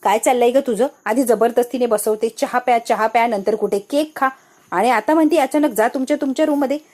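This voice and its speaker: A woman's voice: on the high side, fairly quick, mellow, natural voice. A woman voicing a stern sister-in-law who questions sharply. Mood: irritated.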